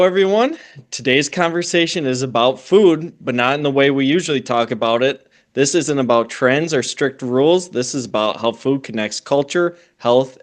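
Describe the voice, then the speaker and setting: A man hosting a business podcast, asking questions in a friendly, hesitant way with many fillers. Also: mid-range voice. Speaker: podcast host. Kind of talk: casual interview hosting.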